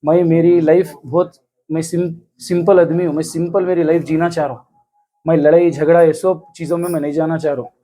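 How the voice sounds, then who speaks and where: A man in his thirties with a Hyderabadi accent, giving an earnest, halting news interview. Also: a little high, level tone, warm tone. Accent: Hyderabadi Hindi. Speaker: interviewee, complainant. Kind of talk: news interview, recounting an attack.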